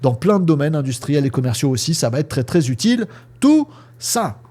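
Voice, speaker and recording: A man's voice: on the high side, big pitch swings, brisk, mellow, faint music behind. A man from France hosting a casual tech news review, chatty and hesitant with frequent fillers, speaking to viewers as friends.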